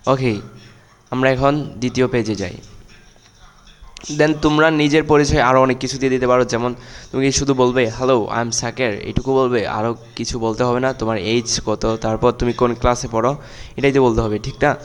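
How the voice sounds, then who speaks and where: A young man teaching English to children and stretching out each model word. His voice is smooth and resonant, and a long reverb trails behind it. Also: medium pitch, steady tone. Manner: slow, drawn-out model pronunciation of English words; repeats and corrects words, addressing children directly. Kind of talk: spoken English lesson for children.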